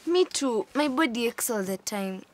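A woman's voice: fairly high pitch, animated, normal speed, close to an everyday voice. A woman playing a tired, sympathetic schoolgirl in a children's cartoon. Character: weary schoolgirl on the bus.

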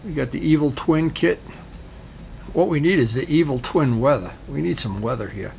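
A man's voice: fairly high pitch, expressive, normal speed, creaky, darkish tone, a little hiss or hum. A man chatting casually through a motorcycle DIY project in his garage, rambling with jokey asides. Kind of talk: casual workshop vlog.

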